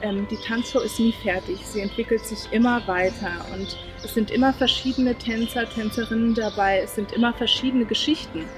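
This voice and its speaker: Female project worker, calm explanatory tone, music bed underneath. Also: a little high, a little fast, hardly any pauses, poor audio. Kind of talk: documentary interview. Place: outdoor courtyard.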